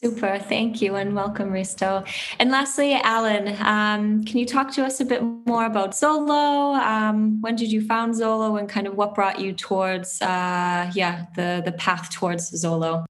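A woman's voice: mid-range voice, fairly even intonation, measured pace, fairly bright tone. A woman moderating a podcast panel, introducing guests and asking questions conversationally. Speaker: host, moderator. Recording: faint background noise.

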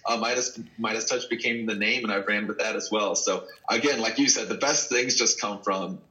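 A man from Texas talks casually about his wrestling career, laughing often and restarting his sentences. His voice is bright and forceful and sits a little low. The recording sounds a bit dull and lo-fi. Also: moderate pace. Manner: animated storyteller, laughs often, many restarts. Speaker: pro wrestler guest. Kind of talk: casual interview chat.

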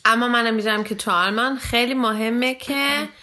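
Female co-host, fairly high and bright, playful and a bit scatterbrained, short casual conversational replies. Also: steady tone. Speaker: podcast co-host. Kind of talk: casual co-hosted podcast chat.

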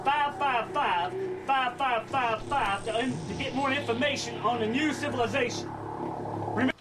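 An actor playing a sweaty male cult leader who pitches his group to truckers over a CB radio broadcast, in a salesy, stumbling, naturalistic way. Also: moderate pace, far from the mic. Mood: pitching. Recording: film clip from afar under loud music.

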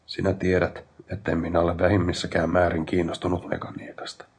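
A man reading the first-person narrator's own dialogue in an audiobook, in a quiet, firm, pleading tone. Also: deep voice, monotone, husky. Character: shaken sibling confronting a mad brother.

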